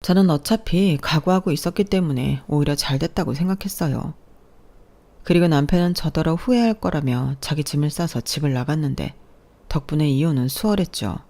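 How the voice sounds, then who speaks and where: Calm woman narrating a story. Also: deep voice, a little fast. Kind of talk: scripted first-person story narration.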